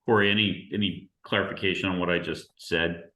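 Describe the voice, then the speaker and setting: A man chairing a town committee meeting, halting and procedural, with many fillers. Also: low-pitched, fairly even intonation, bright, forceful tone, reverberant, slight background noise.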